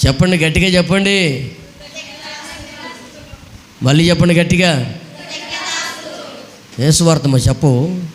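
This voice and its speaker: A man, a pastor, preaching a sermon and demanding the congregation answer loudly. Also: on the high side, a little slow, pauses often, slight background noise. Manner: scolds children to sit quietly.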